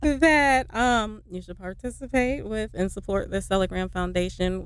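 A woman who founded a nonprofit speaks hesitantly and earnestly as a guest in a casual radio interview, using many fillers. Her voice is creaky with a fairly low pitch.

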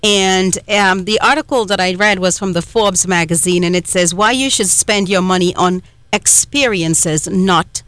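A middle-aged Trinidadian woman with a Trinidadian accent co-hosts a radio talk show, rambling warmly through stories with lots of fillers and restarts in casual chat. Her voice is fairly low, her pace moderate, with hardly any pauses. The recording has no echo.

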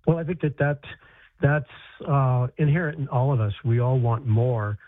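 A man's voice: mid-range voice, steady tone, dry recording. An American man talks as an author guest in an interview, stumbling and restarting his sentences often. His voice comes through a tinny, phone-like line. It sounds dry, with no room around it. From United States. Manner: halting, many restarts and repeated words. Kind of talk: interview conversation.

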